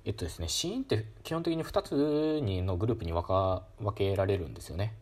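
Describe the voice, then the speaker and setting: Calm male talk host, slightly husky, low voice, lively intonation, explaining and demonstrating speech sounds. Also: fast talker. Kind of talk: casual educational monologue.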